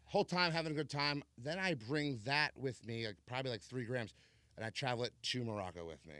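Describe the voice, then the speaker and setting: A man's voice: mid-range voice, fairly quick, sharp tone, dry recording, studio quality. Laid-back New man telling a story. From New York. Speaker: podcast guest. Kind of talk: casual storytelling anecdote.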